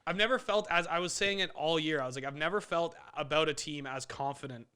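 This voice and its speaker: Bright clear-voiced guy rambling about his team, kinda high voice, says like a lot. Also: quick pace. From Toronto, Canada. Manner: rambling, emphatic, swears, lots of "like". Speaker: podcast co-host. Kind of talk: casual sports chat.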